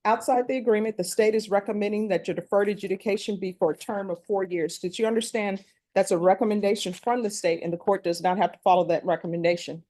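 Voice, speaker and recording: A woman's voice: medium pitch, fairly even intonation, mellow. Woman judge on a courtroom recording. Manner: brisk, formal, reads set questions. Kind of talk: formal plea admonishments.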